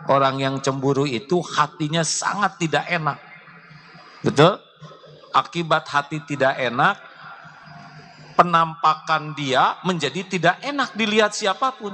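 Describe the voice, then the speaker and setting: A man's voice: on the high side, normal speed, long pauses, pushed and bright. Playful male preacher. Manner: playful, quizzing the audience. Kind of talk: sermon to a live audience.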